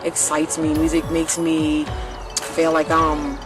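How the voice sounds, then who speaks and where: A woman's voice: deep voice, monotone, slow. A woman singer talking candidly in an interview, rambling and swearing, with lots of "like". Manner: rambling, profane, full of "like". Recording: music playing under the voice.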